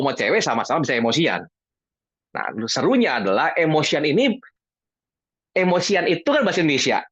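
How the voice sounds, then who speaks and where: A guest speaker on emotions, a man with a high voice, fields audience questions casually and jokingly, acting out little dialogues. The recording is dry, with the dull lo-fi sound of an online talk.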